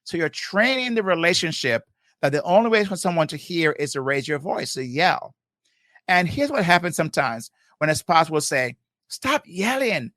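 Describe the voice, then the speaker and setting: Guy talking fast about marriage, kinda high voice, dry close mic, preachy repeats. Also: expressive, a bit bright, no room sound. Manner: quotes Bible verses, chuckles often. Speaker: marriage podcast host. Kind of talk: live teaching on marriage.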